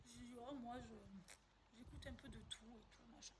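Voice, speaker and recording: A woman's voice: on the high side, steady tone, moderate pace, a crowd in the background. A woman telling a personal story in a casual, chatty way, quoting others and laughing as she goes. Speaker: vlogger. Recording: noisy background.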